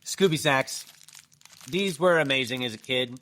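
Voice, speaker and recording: Male podcast co-host, average pitch, teasing, relaxed chat. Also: measured pace, slight background noise. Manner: laughing hard, teasing, swears. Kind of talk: casual chat.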